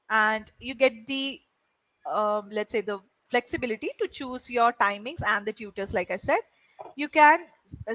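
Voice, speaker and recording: Her voice on the high side and a bit bright, a Malayalam-speaking woman from India gives an online English tutoring session. She encourages her student and keeps checking in with "right?" There's no room sound, but the recording is rough.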